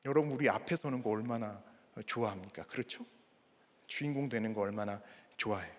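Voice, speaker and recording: In a church sanctuary, a middle-aged male pastor delivers a sermon, posing rhetorical questions to the congregation. His voice is lowish and his pace brisk, with the long reverb of a church hall around him.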